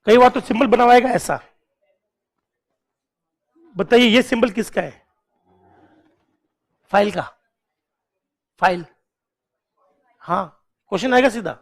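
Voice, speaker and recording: A man with a notably high voice gives a classroom lecture. He drills each point, repeats it, and keeps firing questions at his students. His tone coaxes and encourages them to keep at it. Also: slow, long pauses. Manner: coaxing and encouraging toward students. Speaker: teacher.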